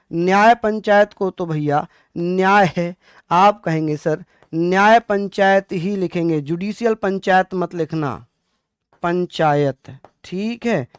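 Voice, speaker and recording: A man's voice: high voice, smooth, dry recording, clean studio sound. A male teacher giving an online exam-prep lecture, repeating key points and asking questions he then answers himself. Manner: repetitive, addresses students as bhaiya.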